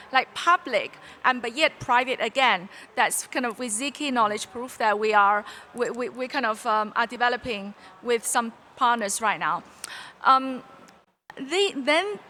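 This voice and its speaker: Bright-voiced woman panelist. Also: fairly high pitch, slight background noise. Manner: earnest, explains step by step with restarts. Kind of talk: conference panel discussion. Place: conference stage.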